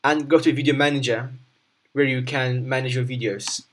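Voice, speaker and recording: Halting man giving step-by-step software instructions. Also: medium pitch, fairly even intonation. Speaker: tutorial presenter. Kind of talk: unscripted screen-recording tutorial, step-by-step instruction.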